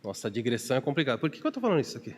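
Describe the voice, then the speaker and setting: A man preaching a Bible study as pastor, telling stories with digressions and humor and acting out shouted calls with big pitch jumps. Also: big pitch swings, racing, long reverb tail, a little hiss or hum. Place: church.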